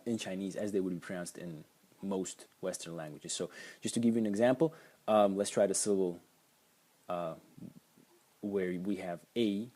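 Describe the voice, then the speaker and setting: This language teacher has a lowish, slightly mellow voice and the accent of his native Slovak. The young man walks through sounds in a relaxed lesson, frequently hesitating, restarting, and filling gaps with ums.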